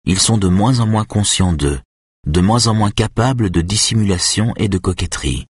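A man narrates an audiobook in a measured, steady read. His voice is very low and husky. The recording is dry and close, with no room sound. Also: no echo. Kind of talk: scripted narration.

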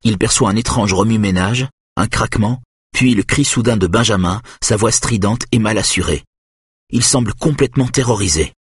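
A man reading a thriller audiobook in a measured, steady present-tense narration. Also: fairly low pitch, slightly rough, dry recording, clean studio sound.

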